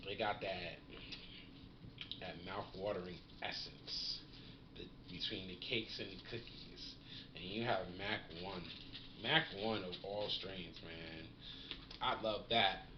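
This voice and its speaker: A man's voice: low-pitched, takes it slowly. A man talking casually in slang while smoking and reviewing a cannabis strain. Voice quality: slangy, relaxed, savoring. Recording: roomy, dull lo-fi sound with faint noise.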